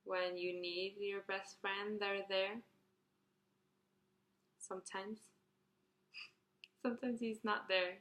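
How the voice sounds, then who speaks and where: Young woman, early twenties, vlogger answering a Q&A, bright chatty tone, echoey room. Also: mid-range voice, flat delivery, slow pace, long pauses. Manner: chatty, rambling, restarts and fillers, reads questions out brightly. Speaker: beauty vlogger. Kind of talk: casual Q&A tag video.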